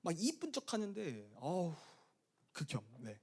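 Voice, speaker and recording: A male pastor preaches to teenagers at a retreat, telling funny stories with lots of drama. His voice sits high and leaps widely, from loud bursts down to quiet asides. He is lively and animated throughout. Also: a little slow, breathy edge. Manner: animated comic storytelling, swinging from loud exclamations to low asides. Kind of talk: youth retreat sermon.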